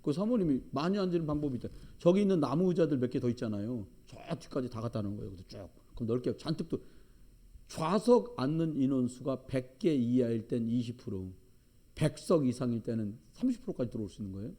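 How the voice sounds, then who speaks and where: A man's voice: medium pitch, lively intonation, quick pace, warm tone. A middle-aged man preaching a sermon as pastor in a church, with emphatic, joking storytelling. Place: church sanctuary.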